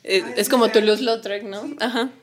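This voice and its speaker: A young woman with a Mexican Spanish accent chats as a guest on a podcast. She talks in a relaxed, slangy way, full of fillers, and her voice sits in the middle of a woman's range. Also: medium pitch, a little fast. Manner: chatty and slangy, with many fillers. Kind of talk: casual chat.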